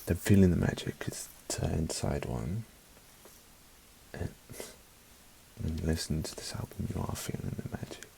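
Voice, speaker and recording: A very deep, gravelly, sing-song voice comes from a South African man with a mixed British accent doing a soft, half-whispered ASMR album review close to the mic. He takes his time and adds wry asides, over a low-quality recording with a little hiss or hum.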